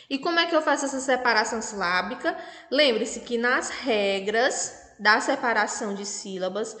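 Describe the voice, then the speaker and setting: Slow, patient Brazilian teacher in echoey room. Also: female voice, high voice, fairly bright tone. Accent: Brazilian Portuguese. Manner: patient, spells out syllables, asks checking questions. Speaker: primary school teacher. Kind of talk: slow remote lesson for children. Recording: echoey room with long reverb.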